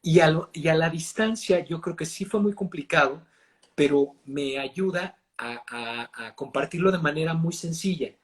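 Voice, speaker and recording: A man with a Mexican accent, a voice and acting coach explaining his craft in a casual interview, talking in an animated, lively way. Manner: animated, explanatory, fast shifts in pitch and loudness.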